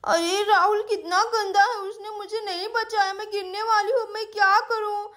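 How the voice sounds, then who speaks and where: Lady doing a scared little girl, whiny and teary, begging for help, super high voice. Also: fairly even intonation, normal speed, fairly bright tone. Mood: scared pleading. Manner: whiny, pleading, tearful. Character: small frightened girl stuck in a tree.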